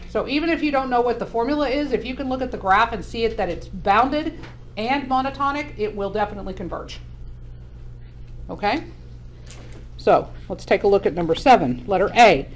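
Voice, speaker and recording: A woman teaching a math class. She lays out each idea step by step and keeps asking her students whether they follow. Faint room noise sits behind her voice. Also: a little high. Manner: explains step by step, checks in with "okay?". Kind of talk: classroom lecture.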